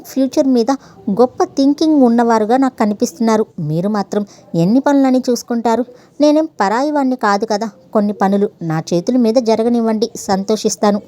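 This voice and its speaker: A woman's voice: a little high, dark tone, close to an everyday voice. A woman reading as an earnest young male tutor.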